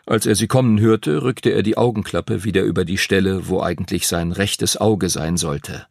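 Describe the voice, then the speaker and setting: A man narrating an audiobook in an expressive storytelling manner, close to the mic. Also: low voice, normal speed, vocal fry, no room sound.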